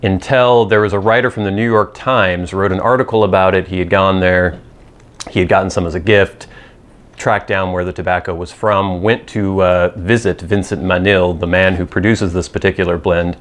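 In a small indoor room with a cloth backdrop, a pipe tobacco reviewer in his thirties talks to camera through a lapel mic. His voice is low, with fairly even intonation and a moderate pace. The review is informal and matter-of-fact, and he explains details as he goes.

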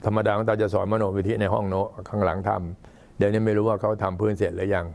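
An old man, a Buddhist monk, giving an informal talk to temple visitors in an unhurried, halting way. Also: fairly low pitch, flat delivery, vocal fry, darkish tone. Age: older. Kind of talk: informal talk, recounting temple history and announcements.

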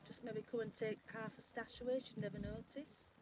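A woman's voice: fairly high pitch, steady tone, fairly quick. A woman chatting cheerfully at a sewing meetup, joking about her fabric purchases. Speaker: meetup guest. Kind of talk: casual chat. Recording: clear background noise.

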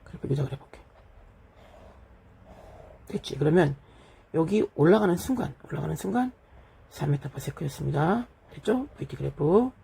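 A gravelly, husky man in middle age lectures on physics while he writes on a board. His voice sits a little high and sounds dark and mellow. He keeps asking his students whether they are following. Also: lively intonation, moderate pace, long pauses. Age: middle-aged. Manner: keeps checking in with "됐죠?" and "그죠?"; talks while writing on a board. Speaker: physics teacher. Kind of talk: lecture solving an exam problem.

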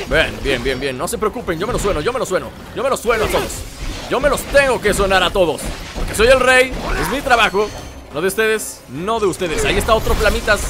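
High-voiced gamer over loud game music. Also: male voice. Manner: playful, teasing enemies with mock insults. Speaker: gameplay commentator. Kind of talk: let's-play commentary. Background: game music and sounds.

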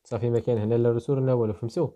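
A man's voice: mid-range voice, fairly even intonation, racing, mellow. A man with a Moroccan Arabic accent, teaching a programming lesson and walking through code step by step as he thinks aloud. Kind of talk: explaining programming to students.

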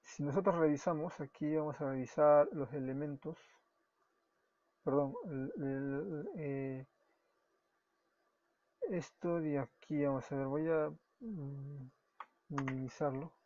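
A man's voice: fairly high pitch, steady tone, slow, pauses often, darkish tone, dry recording. Peruvian man, dull lo-fi coding tutorial. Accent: Peruvian Spanish. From Peru. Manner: explains step by step, self-correcting, often apologizing. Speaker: web development tutor. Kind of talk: screen-recorded coding tutorial. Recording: dull lo-fi recording with keyboard typing.

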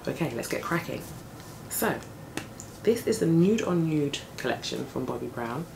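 At a normal speed, this woman in her thirties chats easily while putting on makeup for a casual tutorial, her creaky morning voice deeper than it usually is. She's a beauty vlogger filming indoors at home on a nearby desk camera, with street and plane sounds carrying in from an open window.

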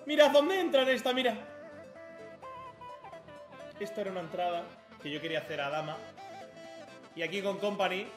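A man's voice: sits high, lively intonation, moderate pace, pauses often, echoey room, over music. A man streaming a football game live, exasperated and complaining to his viewers about the lag. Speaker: gaming streamer.

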